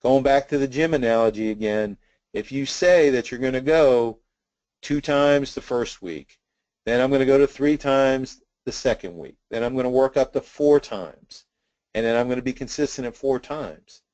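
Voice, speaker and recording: A man's voice: mid-range voice, normal speed, darkish tone, no room sound, highs cut off. A man presenting a sales training webinar in an earnest coaching tone, with a slight cough. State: intermittent cough.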